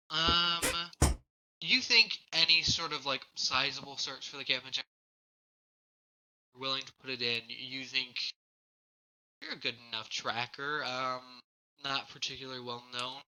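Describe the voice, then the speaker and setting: Male game master, very bright crisp voice, halting delivery; mic crackles and drops out over voice chat. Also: mid-range voice. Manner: hesitant, filler-heavy narration. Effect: mic crackling and cutting out from a loose connection. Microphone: computer mic on a voice call.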